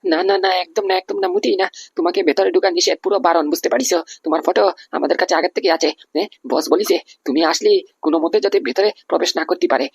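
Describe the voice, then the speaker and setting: A woman voicing a hot-headed male wedding guard in a Bengali animated comedy, blustering threats. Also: on the low side, fast, vocal fry, few pauses, breathy edge, dry recording.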